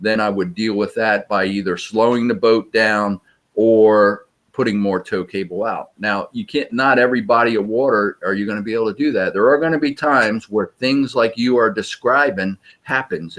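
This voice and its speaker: A man answering interview questions, explaining search methods in a practical, measured way. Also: lowish voice, a bit bright. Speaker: sonar search trainer.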